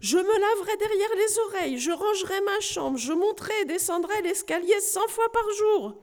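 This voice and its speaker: A woman doing a grumpy knight yelling, shrill. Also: lively intonation, normal speed, in a large hall. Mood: desperate. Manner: shouting, high-pitched. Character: grumpy selfish young knight, loud and pleading.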